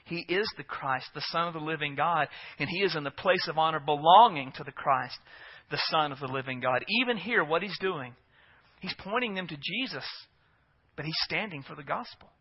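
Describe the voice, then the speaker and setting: A pastor delivers a sermon in a notably high voice, earnest and emphatic, pressing his points home with rhetorical questions. The recording sounds dull and lo-fi. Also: animated, moderate pace, husky.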